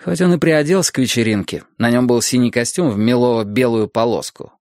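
A man narrating an audiobook in an expressive, measured storytelling manner. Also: medium pitch, dry recording, clean studio sound.

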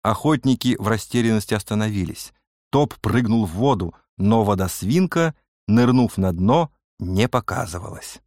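Low voiced guy reading an audiobook, dry close sound. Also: lively intonation, darkish tone, no room sound. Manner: measured storytelling reading. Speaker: audiobook narrator. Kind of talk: scripted narration.

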